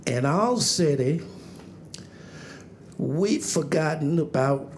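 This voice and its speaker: A man gives a plain acceptance speech as a local councilman. He talks very slowly and haltingly, in short broken phrases, with a slightly high voice. There is faint noise behind him. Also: expressive. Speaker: newly sworn city councilman.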